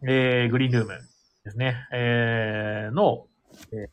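A man's voice: mid-range voice, level tone, measured pace. A male radio show host chatting casually over an iPhone mic, with lots of fillers and laughter. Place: board game bar. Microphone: iPhone held close.

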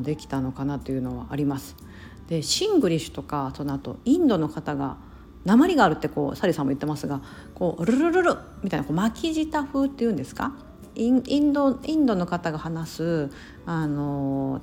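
Woman from Osaka, casual podcast chat, lots of fillers, animated intonation. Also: on the low side, slight background noise. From Osaka, Japan. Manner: chatty, many fillers and self-corrections. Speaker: podcast host. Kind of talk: casual solo talk.

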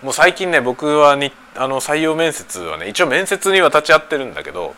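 A middle-aged man chatting casually on a lunch-break stream, rambling in colloquial phrases with drawn-out tags at the ends. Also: a little high, sing-song, pushed and bright. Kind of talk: casual lunch-break chat while preparing food.

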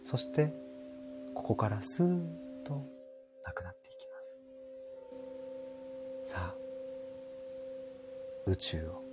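A man playing a shady spiritual seminar guide who leads a slow, hushed meditation, as a whispered role-play. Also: medium pitch, very animated, over loud music, pitched above the performer's own voice.

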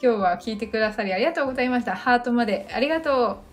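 A woman's voice: fairly high pitch, lively intonation, racing, soft background music. Chatty Japanese woman laughing through her livestream. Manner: rambling, self-correcting, laughs often. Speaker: livestream host. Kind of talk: casual solo livestream chat.

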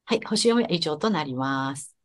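A woman astrologer reads horoscopes on a podcast in a polite, explanatory way. Her voice sits somewhat low, but her melody rises and falls with lots of movement. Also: expressive, normal speed. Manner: polite, explanatory, with soft agreeing murmurs.

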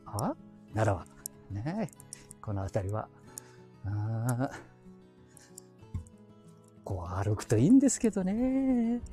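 A man with an Aichi dialect, streaming live while walking quiet residential streets, chatting to himself with chuckling asides on a hand-held phone. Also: a little high. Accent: Aichi (Nagoya-area dialect). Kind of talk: casual rambling walk-and-talk.

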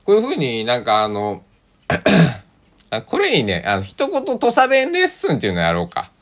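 A man's voice: medium pitch, wildly swooping pitch, moderate pace, fairly bright tone. A man from Kochi with a Kochi accent, hosting a casual solo radio talk and rambling unhurriedly with many hesitations. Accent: Kochi (Tosa) Japanese. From Kochi, Japan. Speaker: podcast host.

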